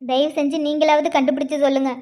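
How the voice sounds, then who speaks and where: A woman's voice: sits high, level tone, fast, mellow, natural voice. Woman voicing a grieving pleading young widow. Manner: pleading, tearful and desperate.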